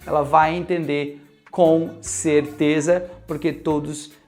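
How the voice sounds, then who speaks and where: A man's voice: on the high side, takes it slowly, soft background music. A man with a Brazilian Portuguese accent giving a casual English lesson, mixing in English phrases and checking in often with the viewer. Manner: animated, mixes in English phrases, keeps checking in with "ok?". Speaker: English teacher.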